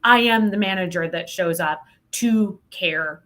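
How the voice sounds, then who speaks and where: Speaking a little slowly in a medium-pitched, fairly bright voice, this woman shares her personal story as a podcast guest. She's a sales coach, and she talks frankly and reflectively in a conversational style, with frequent uses of "like."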